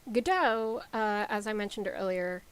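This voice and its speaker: A woman game developer talking casually on a live stream, rambling with lots of ums and likes as she explains software. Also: medium pitch, unhurried, smooth, low-quality recording.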